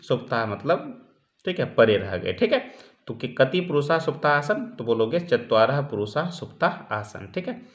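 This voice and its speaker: On a dull, lo-fi recording, a man with a medium-pitched, fairly bright voice delivers a classroom lecture explaining a text. He goes step by step, asks his own questions and answers them, and keeps checking in with his students.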